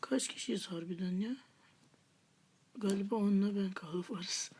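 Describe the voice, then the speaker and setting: A woman's voice: medium pitch, a little slow, darkish tone, slightly rough. A woman hosting a gaming channel, giving live gameplay commentary with half-whispered muttered asides and playful taunts at opponents.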